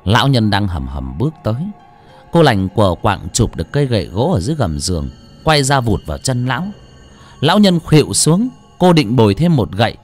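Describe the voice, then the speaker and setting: A man narrating a story, with a dramatic, expressive reading. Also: mid-range voice, brisk, faint music behind. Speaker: audiobook narrator.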